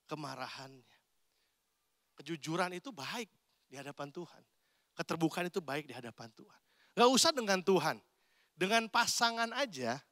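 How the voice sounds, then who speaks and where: A high, bright-voiced man preaches a church sermon. He talks in a conversational, animated way and acts out quick little exchanges. The sound is close and dry. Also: dry recording. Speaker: pastor.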